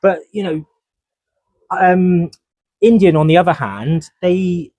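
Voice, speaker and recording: A man's voice: high voice, slow pace, dark tone, no echo. A man co-hosting a podcast, chatting casually about motorcycle racing and reading from his notes. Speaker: podcast co-host. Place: motorcycle dealership event.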